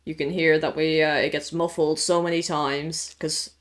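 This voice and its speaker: A man co-hosting a podcast in relaxed, casual chat, laughing often and using lots of fillers. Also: a little high, moderate pace. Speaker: podcast co-host.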